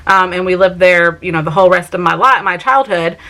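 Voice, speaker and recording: A woman in her thirties, from South Carolina but raised in Vermont, speaks with a Southern US accent in a lowish, fairly quick, sharp-toned voice. She's a mom vlogger chatting casually to camera in a home Q&A, peppering her talk with "um" and "like." The audio quality is poor.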